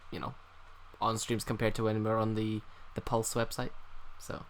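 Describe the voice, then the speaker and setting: A podcast host talking casually, hedging often and filling pauses with "you know" and "like". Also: mid-range voice, completely flat delivery.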